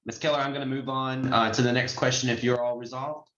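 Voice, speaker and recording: Quick-paced and fairly bright, a medium-pitched man in his forties keeps his intonation fairly even while coaching a group on a video call. He's a host and notary trainer who chats easily and leans on examples, and the audio is muffled with a roomy sound.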